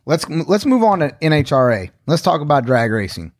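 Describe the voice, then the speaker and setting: A man's voice: fairly high pitch, sing-song, normal speed, dry recording, clean studio sound. A man co-hosting a podcast in casual chat, working through his points step by step and readily agreeing. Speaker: podcast co-host.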